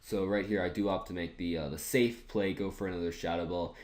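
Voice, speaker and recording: A man's voice: sits low, steady tone, brisk, a little mellow. A man giving casual commentary over an online game battle, thinking aloud in a chatty, self-mocking way. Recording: roomy echoey room.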